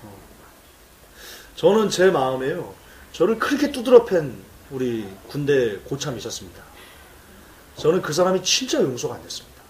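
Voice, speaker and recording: A male pastor preaching a sermon in church, emphatic and animated, telling stories and acting out cries. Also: a little high, normal speed, long pauses, echoey room, far from the mic, a little hiss or hum.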